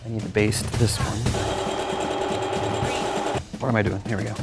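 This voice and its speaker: A man's voice: lowish voice, level tone, normal speed, gravelly, over loud music. A man competing as a cosplayer, thinking aloud in a jokey, self-mocking way as he sews against the clock. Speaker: cosplayer contestant. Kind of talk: chatting while sewing against the clock.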